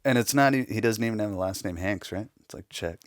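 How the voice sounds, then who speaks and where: A man's voice: fairly low pitch, fast, no room sound. A man in casual podcast chat, easygoing and laughing often into a close mic.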